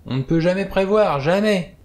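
A man's voice: high voice, lively intonation, normal speed, darkish tone, voice pushed up. A man voicing a doddering, drunk old sailor who wails plaintive warnings of doom in an audiobook. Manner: plaintive, solemn wailing.

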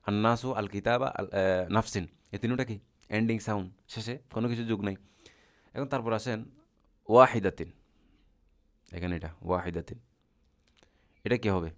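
A man, teaching Arabic grammar. He keeps asking his students questions, then answers them himself, and goes over each point again patiently. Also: on the low side. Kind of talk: classroom lecture.

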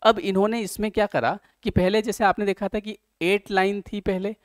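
A man teaching an exam-prep lecture, explaining step by step, asking questions and answering them himself, and reading English passages slowly. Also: sits high, level tone, no echo, clean studio sound.

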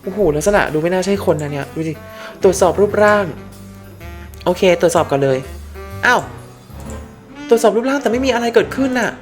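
A woman hosting a gaming channel and giving let's-play commentary in an excitable way, full of crude slang. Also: mid-range voice, brisk, long pauses. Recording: game music behind voice.

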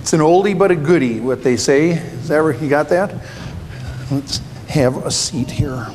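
A man's voice: on the high side, normal speed. A man pastor giving a children's sermon, playful and full of questions for the kids. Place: church sanctuary. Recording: echoey church hall, faint hum.

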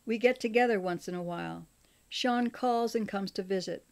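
An older woman, the author, reading her memoir aloud as an audiobook in a measured, expressive way. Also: mid-range voice, creaky.

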